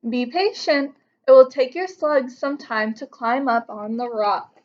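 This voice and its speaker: Reading a picture book to young pupils, a teacher in her thirties explains it instructively from her living room couch. She has a high voice with lively intonation and goes a little slowly. The sound is lo-fi.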